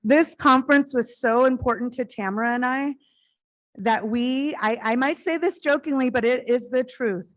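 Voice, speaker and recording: Into a stage microphone, a middle-aged woman with a loud, high-sitting voice gives an earnest, heartfelt conference address, now and then speeding up in quick bursts. The audio is poor.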